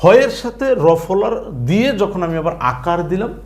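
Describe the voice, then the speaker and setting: Lively male teacher explaining pronunciation. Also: sits high. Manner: lively, repeats sounds slowly for learners. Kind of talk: online language lesson.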